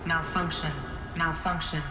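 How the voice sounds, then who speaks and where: A woman voicing a glitching female security computer that repeats flat, clipped error announcements. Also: deep voice, measured pace, over a noisy crowd. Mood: malfunctioning. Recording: echoey hall with long reverb.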